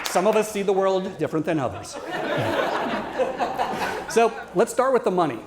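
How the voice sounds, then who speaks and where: A man in his fifties tells a story on stage to a live audience in a wry, conversational way. His voice sits a little high for a man. He keeps turning to the crowd with questions. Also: sing-song, normal speed, heavy background noise. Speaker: guest speaker.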